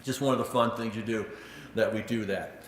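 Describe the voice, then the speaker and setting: A man giving a public history lecture, telling stories with animated delivery and acting out quotes, with frequent filler words. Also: lowish voice, a little fast, a little hiss or hum. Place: lecture room. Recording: echoey lecture hall.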